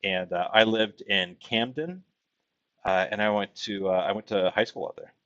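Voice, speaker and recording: A man's voice: on the low side, normal speed, fairly bright tone, highs cut off. A man from Texas hosting a casual livestream, rambling with many fillers as he reads viewer comments aloud. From Texas, USA. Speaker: livestream host.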